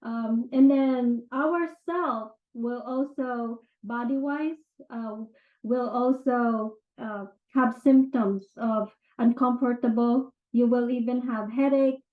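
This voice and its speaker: This self-improvement teacher from the Philippines speaks slowly in a fairly high voice, her Filipino accent clear as she chats to camera about personal change. She keeps it conversational, leaning on fillers and often asking "right?" to check in. Her recording has a tinny, phone-like quality and echoes around the room.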